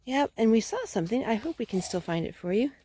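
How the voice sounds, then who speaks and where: With a slightly high, expressive and warm voice at a quick pace, a woman who is a mother reads a story aloud to children. She chats, sings, asks the child questions and echoes their answers. Some light background noise can be heard.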